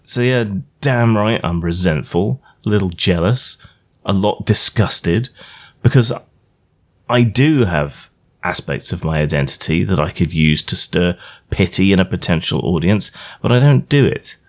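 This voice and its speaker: A man's voice: low voice, lively intonation, measured pace. A middle-aged man delivering an opinionated, sweary monologue as a grumbling, scornful old-man rant. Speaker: game designer, commentator.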